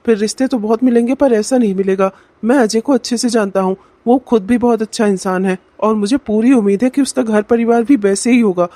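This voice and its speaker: Role: earnest son in a cartoon. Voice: a man playing a calm, reassuring young man, mellow and dry. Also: high-pitched, brisk, few pauses, no echo, lightly acted. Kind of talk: cartoon voice acting.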